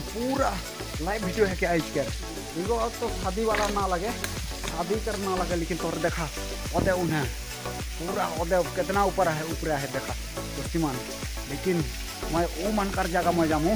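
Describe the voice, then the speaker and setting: Young man vlogging on a forest hike. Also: high-pitched. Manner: rambling, talking to viewers while hiking. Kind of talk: casual travel vlog. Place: outdoors in a forest by a waterfall. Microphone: phone held at arm's length.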